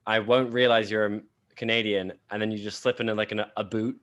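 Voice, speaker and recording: A man from England with a low voice chats loosely as a podcast co-host. He rambles through plenty of fillers and swears freely. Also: flat delivery, fairly quick, a bit bright. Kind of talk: casual chat.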